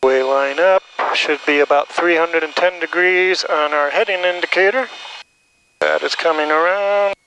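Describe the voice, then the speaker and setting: A man working as a flight instructor, giving calm, encouraging step-by-step instructions over a headset intercom in a small airplane. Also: a little high, moderate pace. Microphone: aviation headset. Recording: noisy small-plane cockpit intercom, engine drone.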